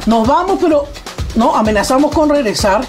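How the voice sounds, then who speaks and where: A woman's voice: sits high, expressive, moderate pace, music in the background. A woman hosting a television cooking show, chatting in a playful, teasing way on a studio kitchen set. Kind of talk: casual TV chat.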